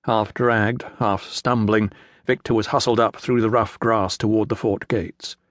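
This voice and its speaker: A man narrating a historical novel as an audiobook, reading in a measured, even way. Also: fairly low pitch, no echo. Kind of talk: scripted narration. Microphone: close studio mic.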